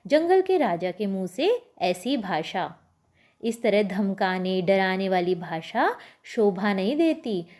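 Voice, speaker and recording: Lady doing a tiny bragging fly, high and squeaky, tut-tutting like a prim little know-it-all. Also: very animated, slow pace, darkish tone. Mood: scolding. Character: small cheeky boastful female fly.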